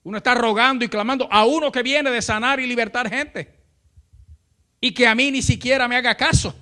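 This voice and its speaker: Male pastor, very high and piercing voice, fervent sermon delivery that climbs to shouts, keeps addressing the congregation as brother. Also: fairly even intonation, fairly quick. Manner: fervent preaching that swells into shouting; often calls out to the listener as brother. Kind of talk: impassioned sermon.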